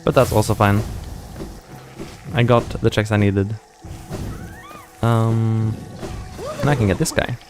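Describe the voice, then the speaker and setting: Over background music, a Scandinavian gaming streamer thinks aloud and chats casually while playing, responding to chat comments along the way. His voice is fairly low, and he speaks slowly with frequent pauses.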